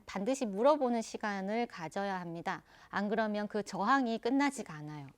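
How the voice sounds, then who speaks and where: A woman giving an online parenting lecture, explaining calmly and addressing parents directly. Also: medium pitch.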